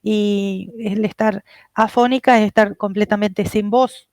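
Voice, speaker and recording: A woman's voice: medium pitch, fairly even intonation, unhurried, a little mellow, no room sound. A woman with an Argentine Spanish accent interviewing a guest, thinking aloud and hesitating often. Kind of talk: interview conversation.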